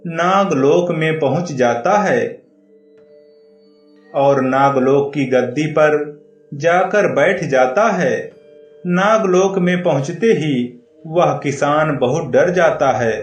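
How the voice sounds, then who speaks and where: A man narrating a cartoon story in a measured, plain storytelling manner. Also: fairly high pitch. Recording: echoey, distant, music under.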